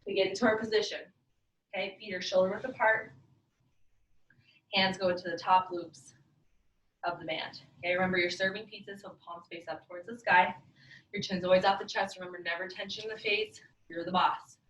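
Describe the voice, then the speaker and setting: A woman coaches a workout like an aerobics instructor, with short, commanding and encouraging cues at a middling pitch. Her voice carries from a distance in a roomy, echoing space, with faint noise in the recording. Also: steady tone, brisk, long pauses, a bit bright. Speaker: fitness class instructor. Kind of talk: aerobics instructor cueing a live workout with counts and breathing cues. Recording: roomy echo, far from mic, faint noise.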